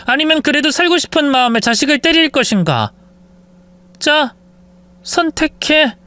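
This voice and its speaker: A woman's voice: high voice, lively intonation, normal speed, a bit bright, no echo. A woman telling a dramatic revenge story in the first person, cold and biting in the confrontations.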